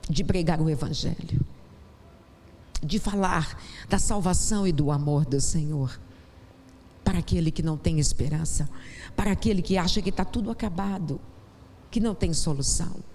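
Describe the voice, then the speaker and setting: Her mellow voice is fairly low in pitch, at a moderate pace with frequent pauses, as this Brazilian Portuguese-accented woman preaches in a church sanctuary. She shares her personal testimony through impassioned, rising exclamations, captured with long hall reverb and faint noise.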